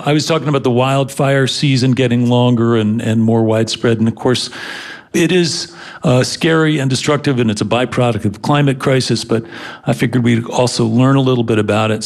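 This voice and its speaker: A man's voice: mid-range voice, creaky. A man hosting a live radio show, introducing music and interviewing a guest in a casual, easygoing manner. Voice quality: casual, relaxed delivery with fillers.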